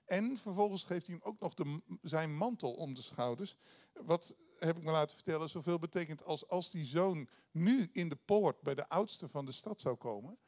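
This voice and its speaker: A man's voice: on the high side, animated, moderate pace, a little mellow. A man preaching a sermon, retelling a parable in a conversational way, with frequent hesitations and restarts.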